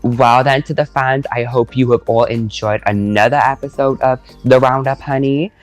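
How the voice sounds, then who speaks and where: A man's voice: medium pitch, steady tone, normal speed, soft background music. A man hosting a casual recap show, playful and teasing, drawing out words for effect. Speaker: host.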